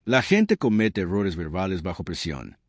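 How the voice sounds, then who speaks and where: A man plays a confident male ally in a spoken story, explaining a scheme step by step in a low voice with lively rises and falls. The delivery is instructive and self-assured, and the sound is dry and close. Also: normal speed, dry recording, heavily acted.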